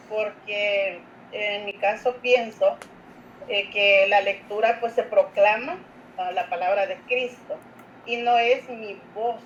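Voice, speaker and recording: A woman, a church lector, asking a long question in a class and rambling earnestly with fillers. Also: mid-range voice. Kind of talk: casual question in an online class. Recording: dull lo-fi call audio with faint noise.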